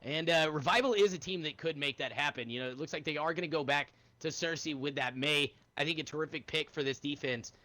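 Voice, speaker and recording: A man doing energetic play-by-play commentary on an esports match, calling the action in quick bursts. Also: a little high, dry recording. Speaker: esports caster.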